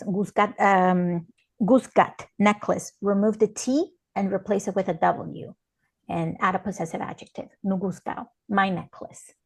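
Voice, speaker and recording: A woman unhurriedly walks students through a language lesson. She explains each example one step at a time in a steady mid-range voice. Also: medium pitch. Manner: slow, careful step-by-step explanation. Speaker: interpreter and co-teacher. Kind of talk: classroom lesson explaining grammar.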